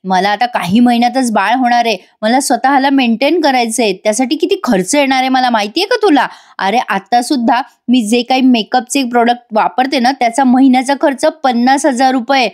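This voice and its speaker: This is a spoiled, scheming young wife who wheedles and coaxes, as a woman puts her on while retelling a TV serial. The voice rides a little high and stays sugary and pleading. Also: a little fast, hardly any pauses, lightly acted. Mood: wheedling.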